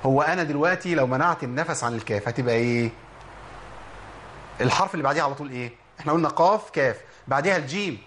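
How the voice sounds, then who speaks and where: A man with an Egyptian accent teaching Quran recitation in a lively lesson, quizzing listeners and slowly sounding out letters. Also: a little high, a little hiss or hum. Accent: Egyptian Arabic. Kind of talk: spoken tajweed lesson.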